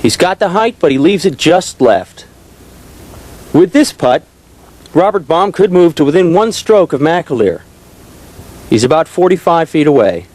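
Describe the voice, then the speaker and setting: A man giving golf-style play-by-play commentary, describing each shot in a measured, descriptive way. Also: a little high, very animated, darkish tone. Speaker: disc golf tournament commentator.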